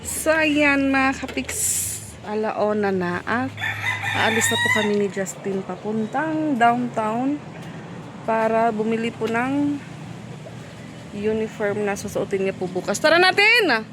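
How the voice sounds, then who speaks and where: A woman's voice: a little high, slow pace, background noise. A woman, narrating a casual home vlog and speaking politely and chattily to her viewers. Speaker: vlogger.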